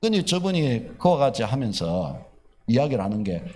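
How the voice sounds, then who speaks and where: A man's voice: medium pitch, moderate pace. A male pastor preaching a sermon, telling a story and acting out its characters with animation. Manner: animated, acts out dialogue.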